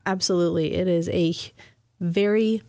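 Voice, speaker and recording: A woman with a lowish voice explains advice in an earnest, steady way, restarting phrases now and then. The sound is dry and close, with no room behind it. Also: normal speed, no echo. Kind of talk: casual conversation.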